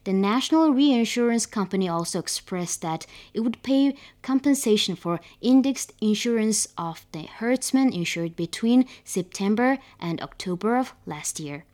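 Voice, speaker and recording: A woman's voice: mid-range voice, lively intonation, normal speed, few pauses, a little mellow. A woman with a Mongolian accent reading scripted news as a radio host.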